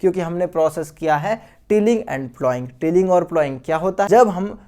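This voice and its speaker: In a warm, high voice at a fairly quick pace, a male science teacher delivers a video lecture for school students. He asks questions and answers them himself, repeats key words, mixes in English technical terms, and calls everyone "guys."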